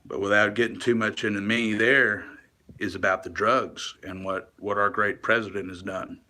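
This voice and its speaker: A man with a low, tense, forceful voice talks straight to camera in a long, rambling monologue. He is earnest and confessional, stumbling over words, restarting sentences and dropping casual swears. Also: level tone, moderate pace.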